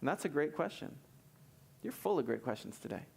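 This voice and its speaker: A man preaching in a church, his voice sitting a little high for a man. He moves between quiet, low stretches and emphatic, lifted ones, and he repeats his key lines for weight. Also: a little fast, gravelly, a little hiss or hum. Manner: animated, swings between soft and emphatic, repeats key phrases. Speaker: pastor. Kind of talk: sermon. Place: church service.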